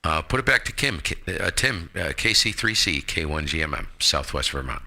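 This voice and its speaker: A man with a rumbling low voice, sing-song and pushed bright with vocal fry, talks at a normal speed. He's an amateur radio operator hosting a live stream, chatting casually in an informal, rambling way.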